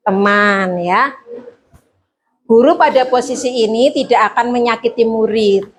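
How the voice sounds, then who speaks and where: High-voiced woman teacher presenting. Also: slight background noise. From Indonesia. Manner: lively, explains with acted examples. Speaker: teacher and trainer. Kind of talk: training presentation to fellow teachers.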